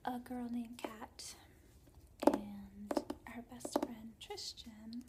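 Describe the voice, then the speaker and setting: A young adult woman in a whispered role-play as a librarian, speaking in a soft, breathy library whisper with a casual, hesitant manner. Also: a little high, little pitch movement, extremely slow. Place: indoors, small book-lined room. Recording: noticeable background noise, clicks.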